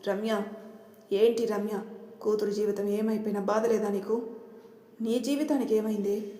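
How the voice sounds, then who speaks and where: A woman's voice: medium pitch, fairly even intonation, moderate pace, dark tone, lightly acted. Woman doing a young woman, jealous, defiant, bitter, echoey room. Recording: roomy reverberant room.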